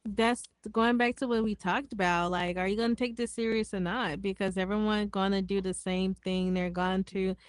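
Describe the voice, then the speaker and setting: A woman's voice: mid-range voice, steady tone, normal speed, hardly any pauses, clear, resonant tone, no echo. A woman with a Memphis Southern accent who says her R's like W's, explaining things in slangy casual chat. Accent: Memphis Southern American. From Memphis, United States. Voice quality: struggles to pronounce R's, says w for r.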